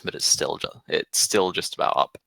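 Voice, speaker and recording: A man running a tabletop game as game master, narrating combat in plain, measured description. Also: a bass voice, creaky, sharp tone, no room sound.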